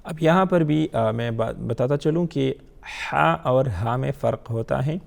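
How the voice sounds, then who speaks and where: A man teaching Quran reading, who slowly draws out each letter and then chants the syllables loudly, and often clears his throat. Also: medium pitch. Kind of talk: slow spelled-out teaching drill.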